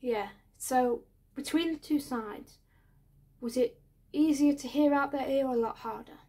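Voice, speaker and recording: A woman in her twenties, an ASMR creator, plays an ear doctor in a soft-spoken roleplay, explaining things reassuringly with hesitant pauses. Her voice sits a bit high and she speaks very slowly, close to the mic in a small indoor room.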